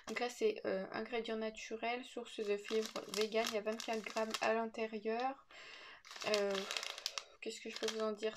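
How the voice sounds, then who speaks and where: Gravelly-voiced woman vlogging an unboxing. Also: fairly high pitch, noisy background. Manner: hesitant, many "euh" fillers, unsure reading labels. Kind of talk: casual unboxing vlog.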